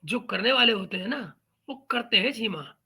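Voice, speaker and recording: A man's voice: high voice, expressive, moderate pace, bright, forceful tone, husky. A man hosting a reaction commentary channel, talking in a mocking, sarcastic way. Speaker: YouTube commentary host.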